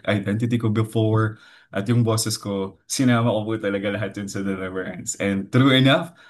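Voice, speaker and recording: Filipino man, 30s, deep baritone, earnest devotional testimony, low voice. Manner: earnest, mixes English into his talk, frequent fillers and "po". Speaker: lay preacher giving a testimony.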